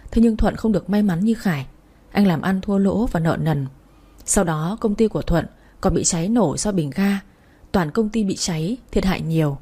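A woman narrating a story in an even, steady read-aloud manner. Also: mid-range voice, normal speed, slightly rough.

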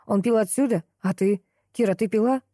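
A woman voicing a practical young man who asks quick, urgent questions. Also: medium pitch, mellow, dry recording, studio quality, pitched above the performer's own voice, natural voice. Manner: brisk, questioning.

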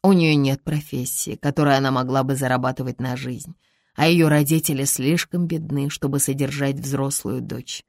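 An audiobook narrator voicing a calm, gentle mother who speaks in a measured way. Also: medium pitch, no echo, clean studio sound, close to an everyday voice.

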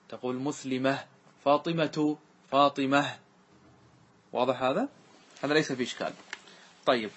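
A man's voice: a little high, a bit bright, husky. A man teaching a grammar lesson, asking questions and often checking that his students follow.

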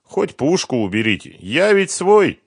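A man's voice: a little high, sing-song, a little slow, vocal fry, breathy edge, no room sound, studio quality, voice pushed up, heavily acted. A man voicing a stubborn, worn-out hunted man in an audiobook, clipped and insistent.

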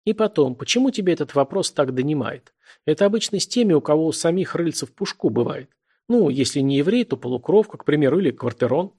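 An earnest, naive young man, easily startled and quick to get excited, as a male narrator puts him on. The reading keeps a gravelly, slightly husky texture. A literary audiobook figure with an innocent, impassioned way of talking. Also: a little high, voice pushed up. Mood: heated.

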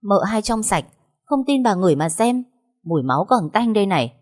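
A woman's voice: medium pitch, very animated, a little fast, voice pushed up. Woman doing a smug cheeky young maid. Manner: mocking, smug.

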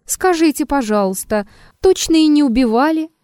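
A woman's voice: on the high side, lively intonation, moderate pace, a little mellow, no room sound, clean studio sound, close to an everyday voice. A woman voicing an insolent, mocking male blackmailer in an audiobook, talking rudely and with a sneer. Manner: sneering and rude.

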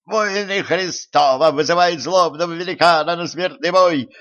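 A man voicing a band of tiny armored knights with squeaky, shrill voices. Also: moderate pace, pushed and bright. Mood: brash. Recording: muffled lo-fi recording.

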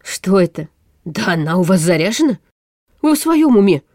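A woman reading a storybook audiobook, voicing a bitter, sharp-tongued male vice-chancellor in a scornful, snappish way, close to the microphone. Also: mid-range voice, animated, moderate pace, no echo, lightly acted. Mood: alarmed.

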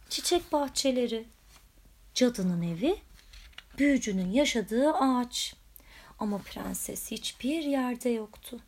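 Woman reading a children's story aloud. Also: a little high. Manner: lively, expressive storytelling. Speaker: storybook reader.

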